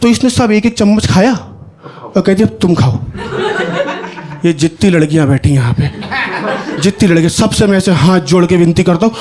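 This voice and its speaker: A young man doing stand-up comedy, telling an animated, conversational story with asides to the audience on a stage. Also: sits high, normal speed. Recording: live show with crowd laughing. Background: audience laughter.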